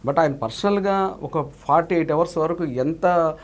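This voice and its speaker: Male actor guest, earnest and polite, higher-pitched, keeps restarting his lines. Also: moderate pace. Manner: earnest, calls the host "sir" constantly, frequent restarts. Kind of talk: casual interview talk.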